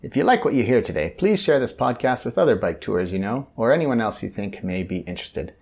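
A man hosting an interview podcast, reading a scripted intro and then asking relaxed questions. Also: medium pitch, brisk, vocal fry, husky. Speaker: podcast host.

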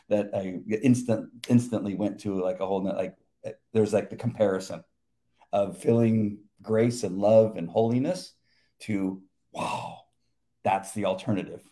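A middle-aged man in casual faith talk, halting and emotional, laughing often as he shares. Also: lowish voice, mellow.

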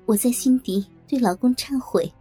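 A woman narrating a first-person audio story, her voice breathy, trembling and pleading. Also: on the high side, moderate pace, mellow, faint music behind.

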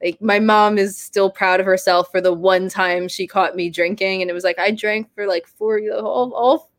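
A woman's voice: medium pitch, steady tone, normal speed, no room sound. Candid woman in her thirties. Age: 30s. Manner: candid, laughs easily, casual swearing. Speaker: guest. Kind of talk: casual interview conversation.

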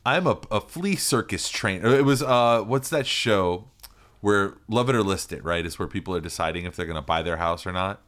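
A man with a very low voice chats casually as a podcast co-host. He is sarcastic and jokey, and swears freely. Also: fairly even intonation, a little fast, fairly bright tone. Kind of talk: casual comedic chat.

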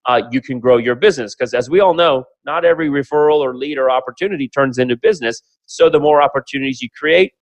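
A man's voice: mid-range voice, fast talker, few pauses, dry recording, highs cut off. A man hosting an online summit, talking conversationally and emphatically, explaining things in simple steps with rhetorical questions. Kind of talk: conversational interview introduction.

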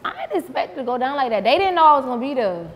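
A woman's voice: sits high, quick pace, long reverb tail, a little hiss or hum. Blunt, profane woman. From North Miami, Florida. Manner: blunt, profane, animated storytelling. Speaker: guest. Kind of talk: casual interview chat. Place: reverberant room with couch.

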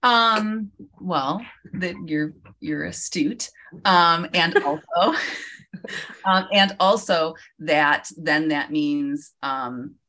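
A woman with a low-pitched voice speaks as a guest on a coaching podcast. She talks slowly through her thoughts, pausing often with fillers as she reflects on her work as a therapist. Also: sharp tone. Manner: reflective, hesitant, many fillers. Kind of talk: casual podcast conversation.

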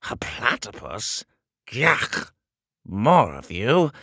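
A man voicing a tiny, arrogant king with a strange, shrill voice who snarls at everyone. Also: huge pitch swings, very slow, bright, forceful tone, husky, no echo, clean studio sound, heavily acted. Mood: contemptuous.

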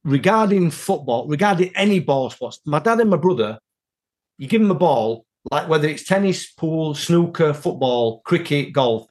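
Interview guest: British man, husky voice, lively storyteller acting out quotes. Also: fairly high pitch, moderate pace. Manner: animated anecdotes with acted quotes. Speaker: interview guest, martial artist. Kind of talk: casual storytelling chat.

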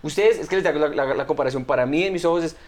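A man hosting a podcast, a comedian who talks in a measured, reflective way in a casual chat. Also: on the high side. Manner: measured, reflective, thinks aloud.

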